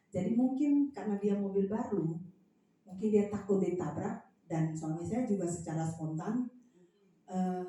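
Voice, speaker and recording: Woman preacher in a booming echoey hall. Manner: lively, animated storytelling with swings in loudness. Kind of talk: sermon. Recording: very echoey hall, mic from a distance.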